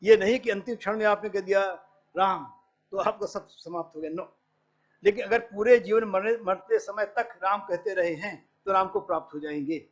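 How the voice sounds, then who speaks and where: A man's voice: high-pitched, normal speed, dull audio. A man giving a workshop lecture, explaining points step by step, quoting Sanskrit verses and asking an assistant for the next slides. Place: lecture hall.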